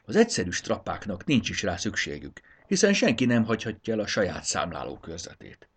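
Gravelly, deep-voiced male storyteller. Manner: expressive, measured reading. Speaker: narrator. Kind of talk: storybook narration.

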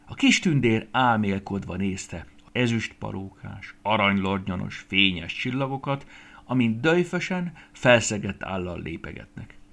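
A man narrating a children's fairy tale in a gentle, expressive reading voice. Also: lowish voice, vocal fry. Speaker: storyteller.

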